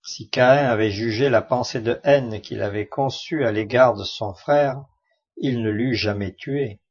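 A man reads devotional commentary on scripture in a measured, earnest voice. His pitch sits in the middle range. The recording is a little dull and lo-fi. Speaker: Bible study reader. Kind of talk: devotional commentary read aloud. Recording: muffled lo-fi recording.

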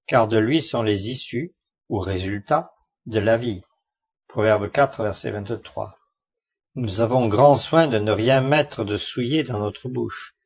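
A man reading a devotional Bible study commentary aloud in a measured, earnest way. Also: on the low side. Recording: muffled lo-fi recording.

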